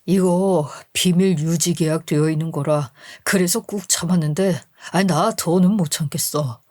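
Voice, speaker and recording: A woman's voice: fairly low pitch, a little slow, a little mellow, no room sound, studio quality. A woman voicing a protective young husband. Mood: indignant. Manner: pleading then indignant. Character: protective young husband defending his wife.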